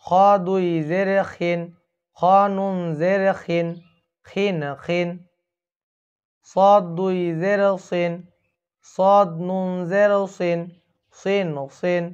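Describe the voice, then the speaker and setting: A male Quran teacher drills his students through letter sounds in a slow, measured chant. His voice sits high and comes through smooth and clear. The recording has a dull, lo-fi quality. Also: level tone, a little mellow. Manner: slow, drawn-out chanting of letter drills, quicker when explaining.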